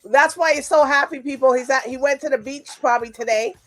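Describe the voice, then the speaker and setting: A woman's voice: sits high, fast, faint music behind. A woman hosting a casual chat show in a chatty, rambling, easily amused manner. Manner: chatty, rambling, laughs often. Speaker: show host.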